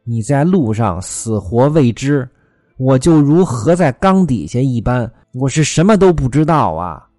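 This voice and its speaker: A man's voice: medium pitch, big pitch swings, unhurried, mellow, dry recording, soft background music. A male storyteller voicing a grieving, furious young servant woman who wails and hurls accusations in a raised voice, in a dry, close recording. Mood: wailing grief. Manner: wailing, accusing outbursts.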